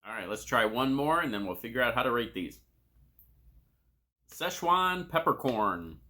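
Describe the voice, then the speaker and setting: A man's voice: mid-range voice, sing-song, normal speed, bright, forceful tone. A man giving a casual food review to camera as host, tasting and crunching chips between remarks.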